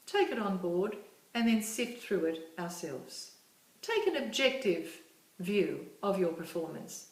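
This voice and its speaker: A woman giving a measured, explanatory recorded lecture as a course instructor. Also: mid-range voice. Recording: echoey room, distant mic.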